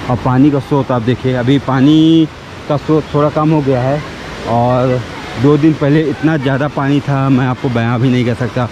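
Talking directly to his audience, a man vlogs his walk around an outdoor temple site, sounding chatty and full of admiration. His tone is steady at a medium pitch, the highs are cut off, and a waterfall roars loudly in the background.

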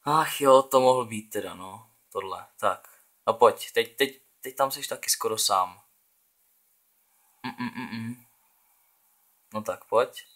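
A man's voice: fairly low pitch, long pauses, fairly bright tone. A young man from the Czech Republic giving casual, chatty commentary while playing a football video game, thinking aloud and urging on his players. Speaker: gaming channel host.

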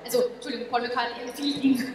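A woman's voice: fairly high pitch, little pitch movement, fast talker. A woman in her thirties co-hosting on stage with banter, speaking into a handheld microphone. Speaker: stage show co-host. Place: large hall, on stage. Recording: very echoey hall PA.

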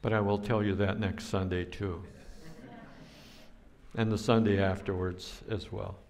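This is an older man preaching from the pulpit in an unhurried, measured way. His voice sits on the low side, and he now and then breaks into playful noises to make a point. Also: level tone, darkish tone. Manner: slow, deliberate preaching with playful sound effects. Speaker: pastor. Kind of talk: sermon.

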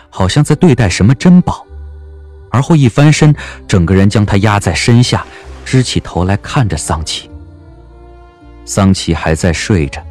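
A man with a low voice narrates an audio novel, telling the scripted story dramatically in a measured, expressive, literary style.

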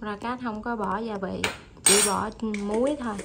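A woman's voice: mid-range voice, fairly even intonation, moderate pace, creaky, heavy background noise. A woman with a Southern Vietnamese accent, chatting to viewers in a casual home vlog. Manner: chatty, addresses viewers directly. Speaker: vlogger.

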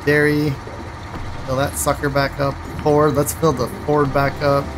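A man's voice: on the high side, monotone, unhurried, background noise. A man casually commenting on his driving game as he plays, thinking aloud and rambling between choices. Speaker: gaming channel host.

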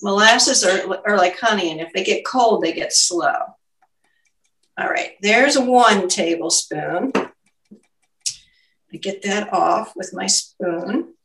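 Speaking slowly with long pauses, an older woman gives a casual cooking demonstration at home, describing each step in a medium-pitched, fairly bright voice. A camera mic at a distance captures her, and the kitchen echoes.

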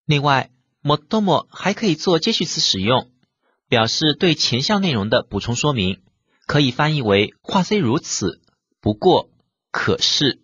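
Male language tutor, husky and dry, animated pitch, methodical, reads examples then explains them, slightly dull lo-fi recording. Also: a little slow, no echo. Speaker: language teacher. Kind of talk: vocabulary lesson explaining Japanese words.

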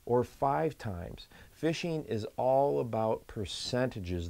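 Low, mellow-voiced man teaching fishing. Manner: earnest, emphatic, repeats words for stress. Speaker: fishing channel host. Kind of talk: instructional to-camera talk. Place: small indoor studio with wood wall.

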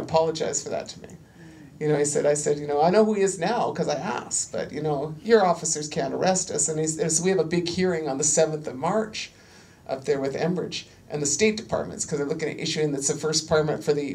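A middle-aged woman on a panel tells stories in a loose, rambling way, packed with "you know" fillers. Her voice sits low, creaky and warm, but it rises and sharpens when she quotes herself confronting people.

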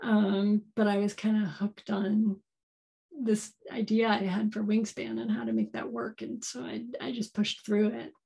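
A woman's voice: medium pitch, little pitch movement, a little slow, vocal fry, warm tone, slightly rough. A woman in her thirties answering questions as a keynote speaker on a video call from a home office, thoughtful and hedging, often restarting her sentences. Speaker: keynote speaker, board game designer. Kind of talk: live Q&A answers. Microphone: video call webcam.

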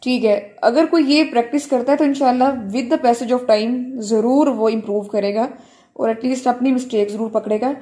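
A woman tajweed teacher speaks over a video call, her voice sitting a little high yet mellow and soft-edged. She corrects each student patiently and models the recitation slowly. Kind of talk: online Quran recitation class.

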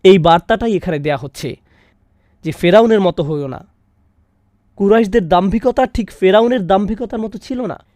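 A man with a notably high voice delivers a dubbed Quran commentary lecture. He talks expressively, reciting Arabic verses and acting out scenes. The recording is close and completely dry. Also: normal speed, pauses often, warm tone, no echo. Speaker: Bengali dubbing voice of a Quran lecturer.

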